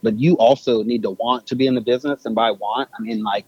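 Interviewed over the phone as a podcast guest, this business owner talks casually but thoughtfully, full of fillers and self-corrections. His mid-range voice is darkish and slightly rough, fast, with fairly even intonation. The recording is dry and comes through a dull phone line.

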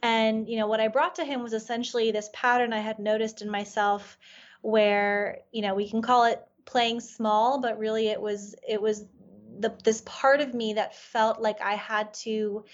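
On a muffled recording, a life coach whose native language is Farsi shares a personal story in a podcast interview. Her voice is on the high side, level in tone and moderately paced, and she reflects earnestly with frequent "you know" fillers.

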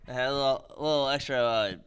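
A teenage boy on a school morning radio show, laid-back and earnest, pausing on fillers as he talks. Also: medium pitch, steady tone, fairly bright tone, clean tone. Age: teens. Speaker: student radio co-host.

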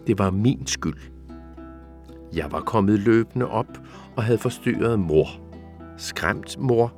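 A man with a very low voice reads a literary passage aloud in a steady, measured way. Soft guitar plays faintly behind him. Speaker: reader. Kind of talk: literary reading.

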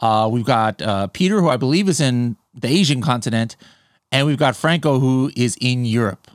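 A man's voice: mid-range voice, expressive, moderate pace, no echo. Rambling podcast host man, dry close mic. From United States. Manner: rambling, with many fillers and restarts. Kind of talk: unscripted podcast interview.

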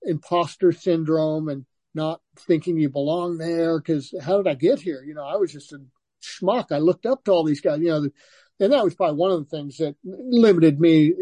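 Older man with a dry, mellow voice. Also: on the high side, no room sound. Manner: relaxed storytelling, frequent restarts and "you know". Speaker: guest, former motocross racer. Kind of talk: casual interview.

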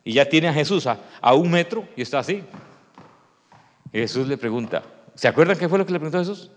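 A man preaching a sermon, acting out the story and swinging from shouts to hushed tones. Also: a little high, lively intonation, brisk. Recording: long reverb of a hall.

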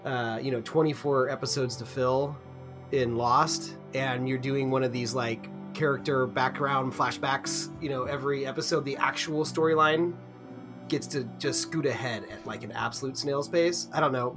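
A man's voice: mid-range voice, moderate pace, music in the background. A man co-hosting a casual TV podcast, enthusiastic and rambling, laughing often. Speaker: podcast co-host. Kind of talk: casual chat.

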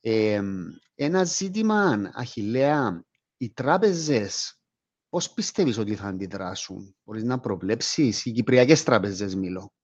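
A man's voice: on the low side, lively intonation, dull audio. A man with a Cypriot Greek accent asking questions as the interviewer in a conversational news discussion.

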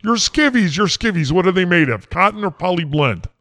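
A man's voice: sits high, animated, a little fast, fairly bright tone, no echo, clean studio sound. A man doing a brash folksy quack doctor with a twang. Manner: rambling, brash, folksy slang. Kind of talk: comedy sketch acting.

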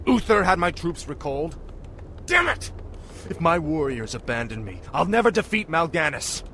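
An actor playing a proud, vengeful young warrior prince in a fantasy video game, commanding and intense. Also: male voice, on the high side, very animated, brisk, creaky, a bit bright, slight background noise, full character voice. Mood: stern. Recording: music behind the voice.

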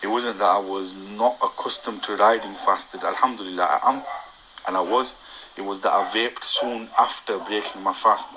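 Flat, low-pitched Yorkshire man reading. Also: a little hiss or hum, rough recording. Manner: earnest, with frequent ums and self-corrections. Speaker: guest cyclist giving advice. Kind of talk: reading prepared tips aloud.

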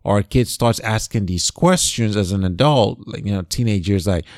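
A man from Nigeria co-hosting a casual chat, animated and swearing as he acts out quoted voices. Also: on the low side, moderate pace, dry recording, clean studio sound.

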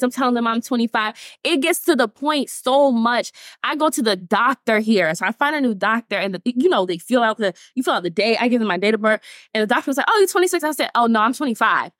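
A woman in her 20s from Atlanta, Georgia, with a slightly high voice, talks casually to camera as a TikTok creator and podcast host. She's chatty and animated, laughs often, and calls her listeners y'all. The recording is dry and studio quality.

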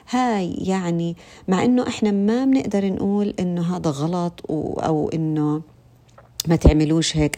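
A woman's voice: low-pitched, mellow. A woman with a Levantine Arabic accent giving an informal religious talk, speaking to her listeners directly with many fillers and restarts.

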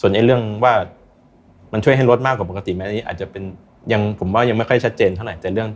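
A man's voice: on the low side, rapid-fire. A man speaking as an interview guest, earnestly sharing personal experience and advice in a casual chat. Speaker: interview guest, recreational runner.

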